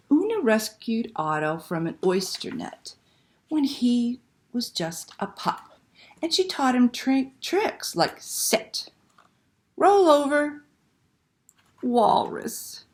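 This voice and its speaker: At a library story time, a woman reads aloud and asks young children simple questions and prompts. Her voice sits fairly high and sounds a little mellow.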